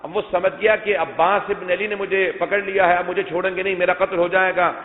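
A man's voice: sits high, level tone. A man delivering an emotional mourning sermon, telling narrations and addressing the congregation directly. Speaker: Shia preacher. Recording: echoey hall, tinny phone-like sound.

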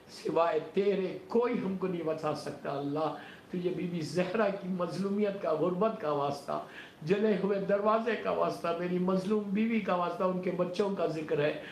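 A man preaching a Shia majlis sermon, reciting a mourning lament and then leading supplications with impassioned fervor. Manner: impassioned, rising to a wailing cry in the lament. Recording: roomy echo with faint rumble.

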